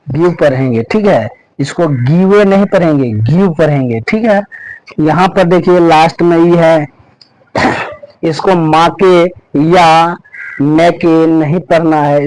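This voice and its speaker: A man's voice: a little high, a little mellow, no echo, low-quality recording. A male teacher explaining pronunciation rules step by step. He repeats himself often and keeps checking in with his students. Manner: repetitive, checks in constantly with "okay"; spells out letters and sounds step by step. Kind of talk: classroom-style lesson explanation.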